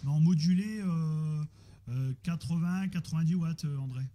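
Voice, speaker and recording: A man with a fairly high voice talks at a moderate pace, chatting casually over amateur radio and troubleshooting technical issues. He sounds hesitant and keeps repeating himself. The audio is noisy and full of static.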